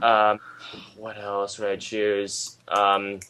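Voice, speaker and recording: A man's voice: fairly low pitch, completely flat delivery, drawn-out words, sharp tone, slight background noise. Rambling young man, eager and hesitant. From United States. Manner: rambling, hesitant with many ums, enthusiastic. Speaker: guest. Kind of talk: casual interview chat.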